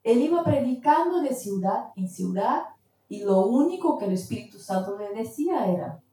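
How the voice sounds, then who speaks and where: A woman's voice: a little high, lively intonation, moderate pace, dark tone. A woman preaching a sermon, telling a testimony and now and then stopping to search for the right word. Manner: searches for words mid-sentence. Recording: very echoey, distant from the mic.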